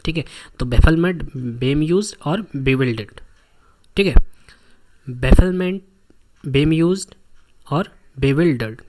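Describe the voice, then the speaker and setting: A man from India, his voice a little high, teaches a vocabulary lesson to exam students. He repeats word lists and memory tricks and checks in with them frequently.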